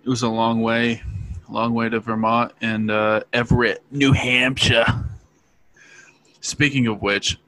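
A man's voice: medium pitch, level tone, unhurried, bright, forceful tone, rough recording. A young man in his twenties, co-hosting a podcast, teasing and joking with a guest in casual, profane chat. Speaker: podcast co-host.

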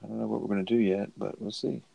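A man's voice: on the low side, level tone, fast, gravelly, husky, dull audio. A man hosting a podcast, laid-back and chuckling in casual chat. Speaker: podcast host.

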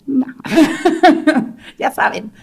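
A Mexican woman in her forties with a high, bright voice tells a story in a relaxed conversation. She talks with animation, laughs often and acts out the other people's voices. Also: extremely slow, vocal fry. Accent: Mexican Spanish. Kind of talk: casual storytelling chat.

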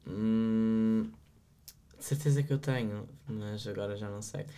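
A young man, a student guest on a podcast, talking in a relaxed, hesitant way and dropping in English words. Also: lowish voice, a little slow, smooth, faint music behind. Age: young adult. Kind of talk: casual chat.

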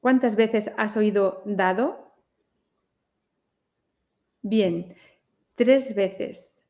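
A woman teaching pronunciation, saying each word slowly and carefully in a listening drill. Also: medium pitch, a little mellow. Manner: very slow, carefully articulated minimal pairs.

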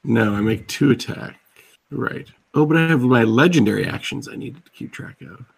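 A man's voice: medium pitch, moderate pace, creaky, slightly rough. A man running a tabletop fantasy game as game master, casual and playful with chuckling asides.

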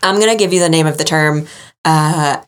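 A woman's voice: deep voice, moderate pace, clear, resonant tone. An American woman co-hosting a podcast in casual chat, chatty, with lots of fillers and frequent laughter. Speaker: podcast co-host.

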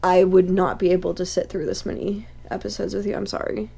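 A woman's voice: fairly low pitch, flat delivery, brisk, creaky, warm tone, husky. A woman in her twenties co-hosting a podcast, chatting casually with lots of likes and plenty of swearing. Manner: casual, filler-heavy, swears freely. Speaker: podcast co-host. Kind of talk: casual chat.

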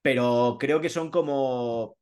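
A man's voice: mid-range voice, slow. Casual Madrid-accented man. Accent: Madrid Spanish. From Madrid, Spain. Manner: relaxed, colloquial, slangy. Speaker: guest rapper. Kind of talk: casual interview chat.

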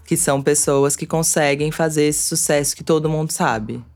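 A woman with a low voice talks in a casual interview. She is a radio presenter speaking as a guest, informal and self-deprecating in the way she tells things. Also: fairly even intonation, normal speed, a little mellow. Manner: informal, self-deprecating, uses playful mimicked quotes. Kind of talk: casual chat.

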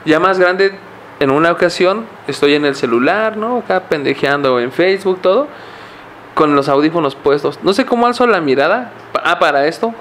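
A man's voice: on the high side, lively intonation, normal speed, a bit bright, a little hiss or hum. A young man with a Mexican accent, a podcast co-host telling a story in casual chat, rambling and full of slang and fillers.

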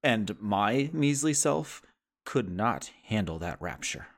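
A man's voice: lowish voice, sing-song, takes it slowly, exaggerated voice. A man reading as a sarcastic sitcom guy turned earnest. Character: sarcastic adult male sitcom character writing an earnest letter. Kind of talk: poem reading in character.

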